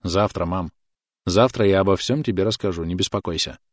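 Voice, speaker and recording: A man voicing a patient young son who answers his mother softly and wearily. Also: sits low, brisk, no room sound, studio quality. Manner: soft, weary.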